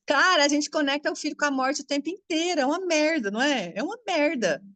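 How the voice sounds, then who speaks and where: A Brazilian woman, a spiritual coach who teaches astrology, chats casually with her audience in Brazilian Portuguese. She's lively, blunt and frank, swears freely and laughs often. Her voice sits high, she talks fast, and there's no echo.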